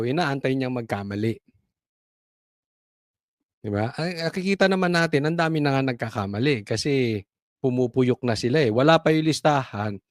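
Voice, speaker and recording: A man's voice: medium pitch, no echo, clean studio sound. A man giving mocking, conversational political commentary on his own show. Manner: animated, mocking, conversational with chuckles.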